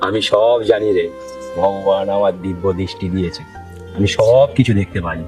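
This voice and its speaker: A man playing a boastful wandering holy man who speaks in slow, solemn pronouncements in a comedy skit. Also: low voice, darkish tone, faint music behind, lightly acted. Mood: solemn boasting.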